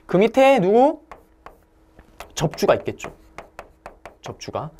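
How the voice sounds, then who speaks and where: A woman's voice: medium pitch, sing-song, slow, mellow, a little hiss or hum. A woman giving an exam-prep history lecture, asking the class questions and answering them herself.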